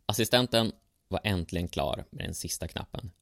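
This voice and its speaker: Male narrator for a history tale, sardonic and dry, low gravelly voice. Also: fairly bright tone, no echo. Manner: sardonic, ironic. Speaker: storyteller.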